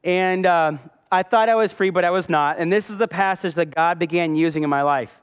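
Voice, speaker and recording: A man's voice: sits high, brisk, clear, resonant tone. A man giving a sermon testimony, telling his story with passion. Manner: impassioned, storytelling. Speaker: pastor. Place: church hall. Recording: dull sound with long hall reverb.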